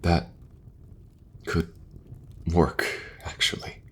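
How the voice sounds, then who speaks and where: A man playing an earnest young king who speaks in a halting, soft-spoken way. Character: earnest young king, burdened but kind. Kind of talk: fantasy audio roleplay.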